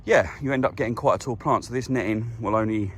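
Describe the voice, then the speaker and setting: A man, a vegetable grower chatting casually through a farm vlog, relaxed and explaining things as he works outdoors. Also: fairly low pitch, fast talker, a little hiss or hum.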